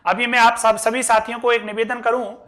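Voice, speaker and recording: A man teaching a grammar lesson, reciting a verse slowly and then explaining it word by word. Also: very high-pitched, little pitch movement, pushed and bright.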